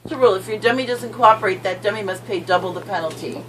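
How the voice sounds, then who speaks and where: A woman's voice: mid-range voice, fast talker, fairly bright tone. A middle-aged woman playing a party game casually, giggly, recorded from across an outdoor patio table. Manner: giggly, breaking into laughter. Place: outdoor covered patio at night. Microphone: phone camera across the table. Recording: distant, noisy outdoor phone video.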